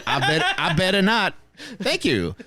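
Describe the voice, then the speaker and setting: Dude putting on a malfunctioning robot voice, squeaky, glitchy repeats, jumps all over in pitch. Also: male voice, huge pitch swings, unhurried, bright, forceful tone, heavily acted. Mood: glitchy, giddy. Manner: high-pitched, stuttering repeats, laughing through it. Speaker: podcast co-host. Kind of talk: joking banter.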